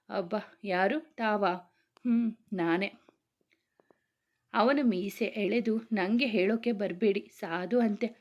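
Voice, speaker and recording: A woman's voice: fairly high pitch, lo-fi sound. A woman narrating a romantic family story, reading every character's lines in her own plain voice. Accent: Kannada. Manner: reads all dialogue in her own plain voice.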